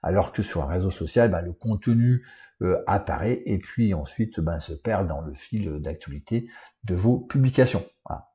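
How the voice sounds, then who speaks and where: A man's voice: low-pitched, expressive, normal speed, warm tone. A man giving an unscripted online lesson on coaching, talking casually with many fillers and tag questions. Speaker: school coaching trainer.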